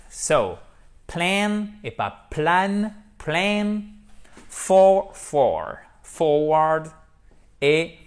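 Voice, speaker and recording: A French-speaking man teaching English pronunciation in an online lesson, explaining slowly and repeating each word several times as a drill. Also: on the high side.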